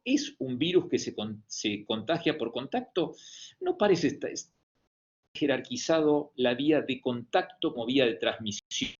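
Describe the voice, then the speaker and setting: A man with an Argentine Spanish accent giving an online medical lecture, hesitant, with many fillers and restarts. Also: mid-range voice. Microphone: video call. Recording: dull lo-fi online call audio.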